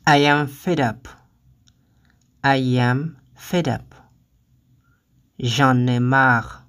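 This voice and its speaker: A language teacher reads brief phrases one by one, repeating each twice in a careful, deliberate way before offering its translation. The voice sits in the mid-range and is slightly bright, suited to a slow lesson taken phrase by phrase.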